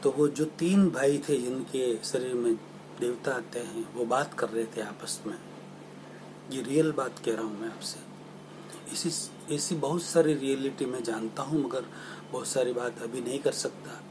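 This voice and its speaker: A man delivers a storytelling religious talk in an earnest, humble way, pausing to apologise and to call his audience his dear brothers and sisters. His voice sits at an ordinary middle pitch for a man. A steady background hiss runs under the whole recording. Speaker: spiritual lecturer.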